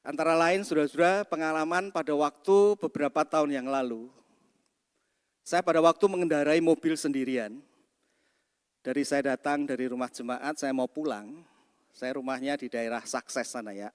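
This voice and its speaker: A male pastor preaching in a church, his fairly high voice carrying a long reverb through the hall. He tells a personal story and keeps calling out to the congregation as he goes. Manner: storytelling, often addresses the congregation directly.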